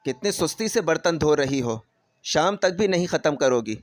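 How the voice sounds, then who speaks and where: A man voicing a cruel, harsh stepmother who scolds and barks orders in a sharp tone. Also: a little high, expressive, no echo, natural voice. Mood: harsh scolding. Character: harsh cruel stepmother, middle-aged woman.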